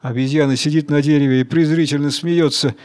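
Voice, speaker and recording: Guy telling a fairy tale, slightly high voice, calm storyteller pace. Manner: measured storytelling. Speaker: narrator.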